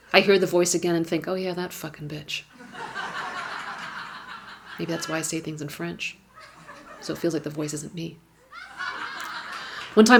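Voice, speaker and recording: Low-voiced woman reading a wry essay. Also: slight background noise. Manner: wry, candid, swearing, building to emphatic repetitions. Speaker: writer reading her work at an awards gala. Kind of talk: expressive live reading of a personal essay. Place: stage at a gala event.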